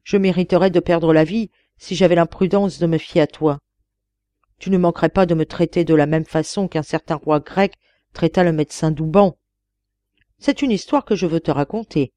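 A woman's voice: fairly low pitch, moderate pace, mellow, no echo, close to an everyday voice. A woman reading the part of a wary fisherman who scorns and outwits a genie. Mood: triumphant. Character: wary, defiant old fisherman.

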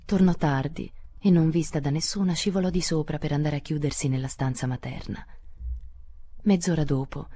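A woman reads a classic novel aloud with a measured, expressive delivery. Her voice sits fairly low and sounds warm and mellow, unhurried and even across long passages. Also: husky. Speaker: audiobook narrator. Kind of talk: literary audiobook narration.

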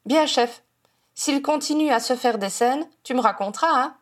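A woman's voice: sits high, moderate pace, pitched above the performer's own voice, lightly acted. A woman reader voicing a cheeky young female police officer teasing her chief. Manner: playful, cheeky.

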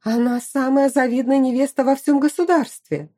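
A woman voicing a haughty, scheming duchess who talks in a shrill, indignant way in an audiobook. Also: a little slow, warm tone, husky. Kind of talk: audiobook character reading.

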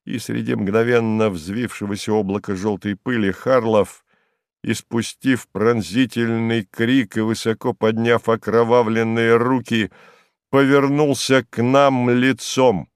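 Male narrator, steady measured audiobook reading, dry close sound. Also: mid-range voice, smooth, no echo.

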